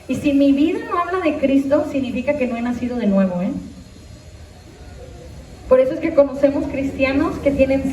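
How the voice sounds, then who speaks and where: A woman's voice: high-pitched, a little mellow, roomy sound, recorded from a distance, a little hiss or hum. A woman pastor preaching a sermon, questioning and exhorting her congregation directly. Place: church hall.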